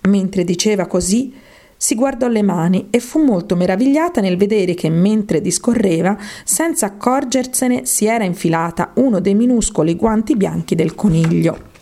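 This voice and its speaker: Woman reading a storybook, mellow. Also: mid-range voice, normal speed. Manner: calm, even storybook reading. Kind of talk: scripted narration of a children's story.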